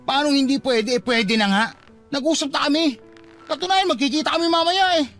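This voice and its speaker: Pitched extremely high and delivered briskly, this slightly bright male voice plays against soft background music. The actor portrays a young father, hurt and fed up, abandoning an unrequited love in the emotional, reproachful style of Filipino radio drama. His mood comes across as agitated and bitter.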